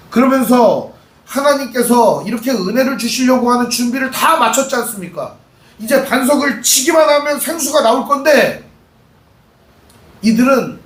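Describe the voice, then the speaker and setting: A male pastor preaching a lively sermon, asking the congregation questions and acting out voices. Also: very high voice. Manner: animated preaching, acts out quoted voices, asks the congregation questions. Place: church sanctuary. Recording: echoey church hall, mic at a distance.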